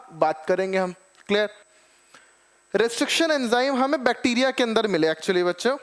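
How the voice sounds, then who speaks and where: A man with a raised, high-pitched teaching voice delivers an exam-prep biology lecture. He explains step by step, addresses the students as children, and keeps checking that they follow. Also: fairly bright tone. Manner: calls students "children" and "beta ji".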